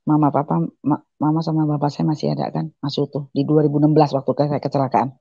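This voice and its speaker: A woman's voice: deep voice, fast, creaky, slightly rough, no echo. Woman telling a personal story, lo-fi. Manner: animated retelling with quoted dialogue and many fillers. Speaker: guest giving a testimony. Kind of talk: personal testimony, casual storytelling.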